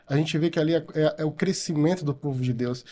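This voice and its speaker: A man's voice: on the high side, quick pace, dark tone. A man who coordinates a Sunday school, earnestly telling his faith story in a podcast interview. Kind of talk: casual testimony in a podcast interview.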